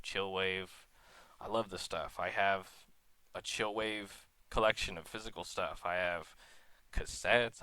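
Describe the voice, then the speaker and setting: A young man ranting casually to camera, halting and stuttering, sounding bummed out and quiet at times. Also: sits low, smooth, dry recording. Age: young adult. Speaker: vlogger.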